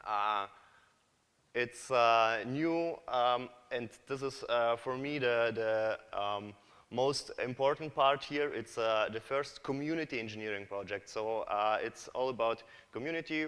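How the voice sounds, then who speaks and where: A man's voice: medium pitch, fairly bright tone, clear, resonant tone. A man from Kazakhstan giving a conference talk as a developer, hesitant, with many fillers and restarts, in a large hall. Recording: reverberant hall.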